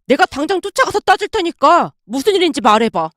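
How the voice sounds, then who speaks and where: A woman's voice: high-pitched, sing-song, brisk, no echo, clean studio sound. A woman voicing a hot-tempered young husband who bursts out in anger. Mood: angry. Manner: heated, shouting outbursts.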